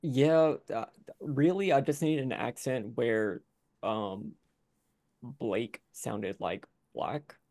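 A man's voice: mid-range voice, takes it slowly, a little mellow, dry recording, studio quality. A man panelist chatting casually, wry and reflective. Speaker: panelist on a role-play show.

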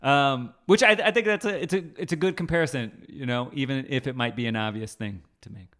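A man co-hosting a podcast, chatting casually about a movie trailer, halting and repeating himself, quick to laugh. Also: mid-range voice, fairly bright tone. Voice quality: halting, lots of fillers and restarts, laughs easily. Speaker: podcast co-host. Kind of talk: casual movie-review chat.

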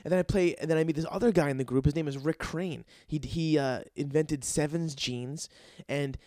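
Young male storyteller, excitable, swears freely, does voices for quotes; dry close mic. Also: on the high side, normal speed, no room sound. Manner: excitable, profane, acts out quotes in other voices. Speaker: golf caddy telling a story. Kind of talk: casual storytelling.

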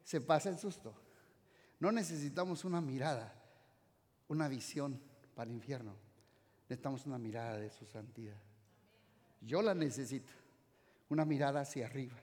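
A man from Mexico preaching a sermon in a church, swinging from loud exclamations to soft, stretched-out phrases. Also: medium pitch, moderate pace, long pauses. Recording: reverberant hall sound.

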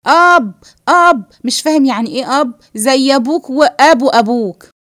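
Lady putting on a bossy egyptian girl yelling at everyone, high and all over the place, dry sound. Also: lively intonation, quick pace, no room sound. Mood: scolding. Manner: shouting, scolding, sharp-tongued. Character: brash, defiant young woman, loud and scolding.

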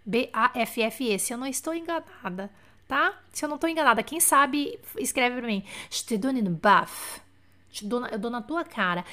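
A woman's voice: on the high side, fairly bright tone. A woman who teaches French on a live stream, chatting casually as she reads out viewers' comments and slips into French phrases. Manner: chatty, reads comments aloud, switches between Portuguese and French.

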